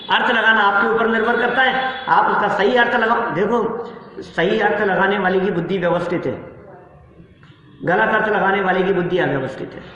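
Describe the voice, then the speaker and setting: Man giving a sermon, high voice, big reverb, dull lo-fi sound. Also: a bit bright. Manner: rhetorical questions to the audience. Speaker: Jain preacher. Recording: echoey hall, dull sound.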